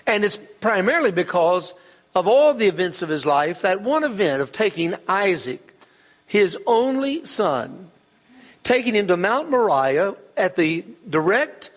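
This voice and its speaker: A man preaching a sermon as pastor, telling folksy stories and slowing down to stress key words. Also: sits high, big pitch swings, long reverb tail. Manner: folksy storytelling, slows for emphasis.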